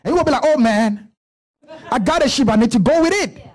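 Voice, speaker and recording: A pastor in his thirties preaching a sermon on a church stage into a handheld mic, building to shouts with rhythmic repetition. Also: extremely high pitch, expressive, a little fast. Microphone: handheld microphone.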